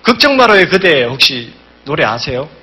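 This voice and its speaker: A man's voice: a little high, normal speed, slightly rough, faint music behind. A man giving an emphatic motivational seminar speech, telling stories and acting out quotes. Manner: emphatic, animated storytelling with acted-out quotes. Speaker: business seminar speaker.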